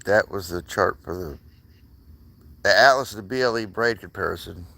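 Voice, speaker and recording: A man's voice: low-pitched, normal speed, creaky, bright, forceful tone, no room sound. A man live streaming from his phone outdoors at night, chatting to viewers in a rambling way and laughing often.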